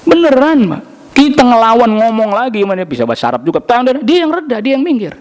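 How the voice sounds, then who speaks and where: A man's voice: very high voice, fast talker. A man giving a mosque study lecture, telling anecdotes with jokes and answering questions directly. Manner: lively storytelling with jokes and acted quotes. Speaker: Islamic preacher.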